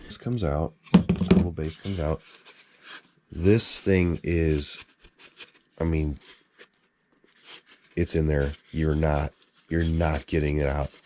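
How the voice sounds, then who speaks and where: A man's voice: rumbling low, steady tone, takes it slowly, long pauses, warm tone. A man collector talking casually in a blunt, exasperated way and swearing freely. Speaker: mask collector. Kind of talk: casual vlog ranting.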